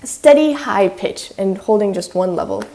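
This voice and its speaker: A woman's voice: mid-range voice, expressive, normal speed, dark tone. A woman casually explaining pronunciation sounds and tones, demonstrating them aloud in a tentative, chatty way. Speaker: language-learning video creator.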